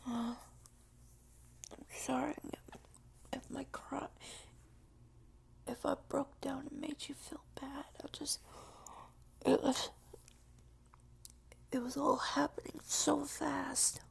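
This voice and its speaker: For an intimate audio roleplay, a woman performs a tearful, submissive, clingy lover in an exaggerated, high-pitched voice with little pitch movement. She speaks in a breathy, creaky whisper, halting and repeating phrases, and sounds apologetic and pleading.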